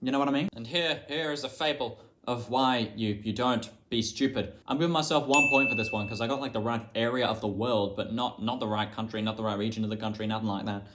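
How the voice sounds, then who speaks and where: A young man just out of high school, chatting casually to the camera as a vlogger. He mocks himself and swears offhandedly. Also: quick pace, few pauses, background noise. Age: young adult, just out of high school.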